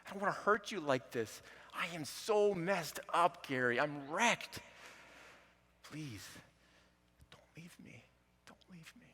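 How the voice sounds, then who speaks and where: A man voicing a remorseful, frightened wife who pleads in a tearful, hushed way. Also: fairly high pitch, lively intonation, slow pace, pitched above the performer's own voice, exaggerated voice. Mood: desperate.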